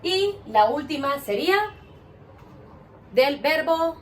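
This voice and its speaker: Slow, patient woman teaching children. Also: high voice, expressive, a little hiss or hum. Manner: slow and patient, asks questions and praises answers. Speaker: primary school teacher.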